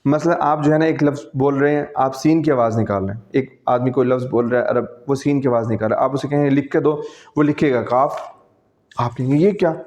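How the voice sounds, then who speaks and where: A male teacher with a Pakistani accent delivers a classroom-style lecture in a relaxed, warm tone, explaining step by step and often checking that his students follow along. His voice sits at an ordinary pitch. The recording sounds a little dull and lo-fi. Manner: conversational, explains patiently, often checks understanding.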